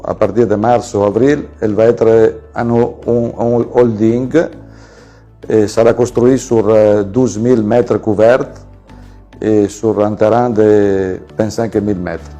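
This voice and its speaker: A man with an Italian accent talks about his businesses in a low, warm voice. He pauses on fillers and restarts his sentences often. Faint music plays behind him. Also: fairly even intonation. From Venice region, Italy. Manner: halting, many fillers and restarts. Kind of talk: presenting his company to camera.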